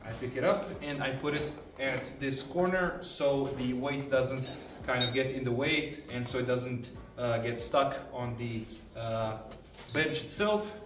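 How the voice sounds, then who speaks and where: A man's voice: medium pitch, unhurried, few pauses, background noise. A man filming a casual training vlog, explaining his exercises between sets with many fillers, sometimes out of breath. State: out of breath at times. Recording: roomy sound from a far camera, faint music.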